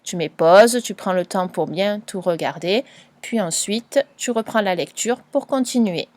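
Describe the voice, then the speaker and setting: A woman teacher giving a patient, clearly spoken dictation lesson to a young pupil, spelling out letters and sounds. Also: medium pitch, unhurried, a little mellow. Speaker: primary school teacher.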